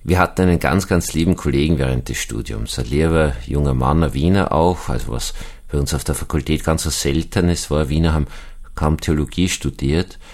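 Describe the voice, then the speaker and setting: A middle-aged Austrian pastor with an Austrian German accent, giving a conversational sermon reflection and often repeating words for emphasis. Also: male voice, a bass voice, brisk, a little mellow. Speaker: Protestant pastor. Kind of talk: spoken sermon reflection for an online audience.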